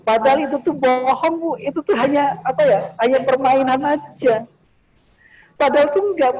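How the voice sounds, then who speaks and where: A man's voice: extremely high pitch, normal speed, crowd noise, poor audio. A man giving an informal religious talk, chatty, often asking his listeners questions. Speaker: religious teacher.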